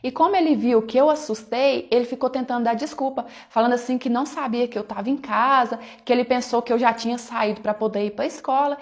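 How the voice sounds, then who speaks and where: High-voiced Brazilian woman telling a story. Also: fast talker, hardly any pauses. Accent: Brazilian Portuguese. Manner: chatty, conversational, often adds "né" and "falou assim". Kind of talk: casual first-person storytime narration.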